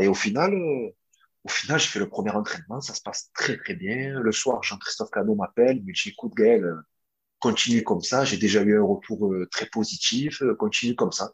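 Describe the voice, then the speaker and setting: Husky low-voiced man telling a story. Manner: animated, hesitant with many fillers and restarts. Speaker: interview guest, former footballer. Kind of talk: casual storytelling in an interview.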